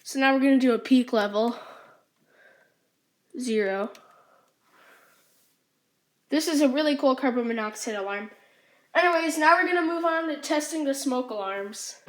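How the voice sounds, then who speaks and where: High-voiced woman vlogging casually. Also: expressive, moderate pace, long pauses. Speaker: host testing home alarms. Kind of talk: casual amateur vlog narration. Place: indoors in a house. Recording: faint noise, amateur home recording.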